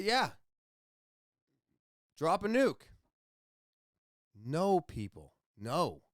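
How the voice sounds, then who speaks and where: A man hosting his own podcast, delivering an impassioned solo opinion monologue that swings between ranting and quiet somber talk. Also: high-pitched, dry recording, studio quality. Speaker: podcast host.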